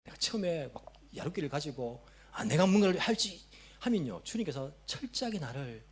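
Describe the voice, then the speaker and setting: A man preaching a sermon as pastor of a church, swinging between loud exhortation and hushed prayer. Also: a little high, sing-song, fairly quick. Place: church sanctuary.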